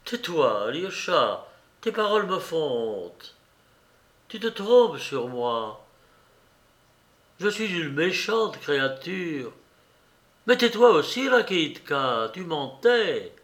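A man's voice: very animated, slow pace, long pauses, fairly bright tone, exaggerated voice. A man reading aloud, voicing a passionate, impulsive young woman in a storybook reading with a raised, emotional voice. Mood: heartfelt. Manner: raised pitch, emotional delivery.

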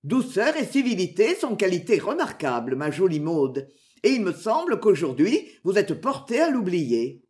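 A woman's voice: fairly low pitch, sing-song, normal speed, darkish tone. A woman reader voicing a half-mocking, sententious friar in a storybook reading. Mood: mock-pious. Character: jovial mocking friar, middle-aged man.

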